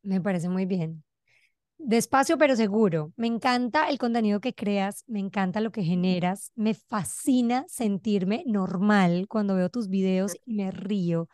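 A woman's voice: medium pitch, measured pace, a little mellow, no room sound, studio quality. A woman in her forties hosting an interview, chatty and full of praise for her guest, acting out the quotes she tells. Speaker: podcast host. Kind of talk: casual interview chat.

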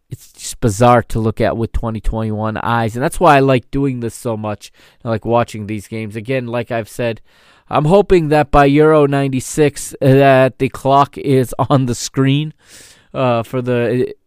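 A man's voice: mid-range voice, a little mellow, clean tone, no room sound, clean studio sound. A man in his thirties hosting a podcast, reflecting on an old football match in a rambling, casual way. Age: 30s. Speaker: podcast host. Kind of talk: casual retrospective football commentary.

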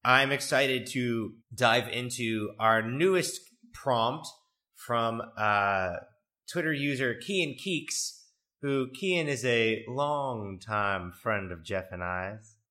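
A man's voice: mid-range voice, slow pace, pushed and bright. A man hosting a podcast in casual, jokey, profane chat, recorded in an echoey room that sounds like a cave. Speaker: podcast host. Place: echoey room in a new home, no studio setup yet.

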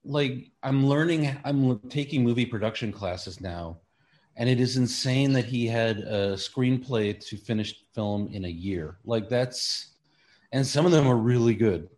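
A man's voice: mid-range voice, a little slow, a little mellow. A man talking casually and wryly in an interview, rambling with lots of filler words. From Queens, New York City. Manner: rambling, wry, peppered with like and you know. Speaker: stand-up comedian guest.

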